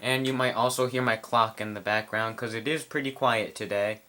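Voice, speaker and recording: A man casually explaining how to set up a model train address changer, chewing gum as he talks in a quiet room. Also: fairly low pitch, steady tone, normal speed, slight background noise. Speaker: model train hobbyist reviewer. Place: quiet room at home with model track on a table.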